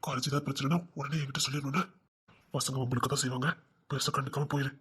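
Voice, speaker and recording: A man playing a caring, protective young man who speaks gently and reassuringly. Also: medium pitch, level tone, fast talker, husky.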